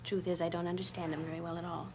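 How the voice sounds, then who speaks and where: A woman's voice: on the low side, level tone, rapid-fire, background noise, close to an everyday voice. An actress playing a worried woman protecting her sister in a daytime soap, speaking anxiously and pleadingly. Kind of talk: daytime soap opera acting.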